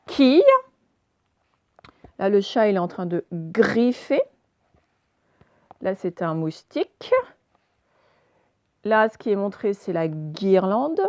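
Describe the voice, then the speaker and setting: A woman teacher recording a reading lesson for young children, stretching words slowly and sounding out each syllable. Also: mid-range voice, animated, darkish tone, no echo. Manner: slow, careful, stretched-out word pronunciation; pauses the recording to let pupils work. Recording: self-recorded home lesson.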